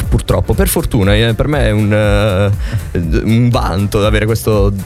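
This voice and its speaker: A man's voice: fairly low pitch, a little slow, music in the background. A man with an Apulian Italian accent hosting a casual interview. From Puglia, Italy. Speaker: show host.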